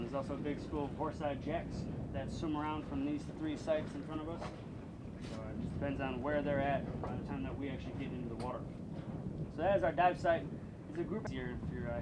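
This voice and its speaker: A man giving an informal dive master briefing, explaining things plainly with jokey asides. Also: fairly high pitch. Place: outdoors on a dive boat. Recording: noisy outdoor boat, distant mic.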